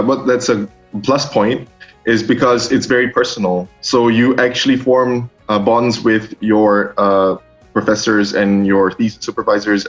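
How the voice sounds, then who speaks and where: A young man from Singapore, a master's student, answering interview questions in a halting way full of ums and restarts. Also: on the low side, a bit bright. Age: young adult. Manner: hesitant, many ums and restarts. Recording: dull lo-fi sound with faint music.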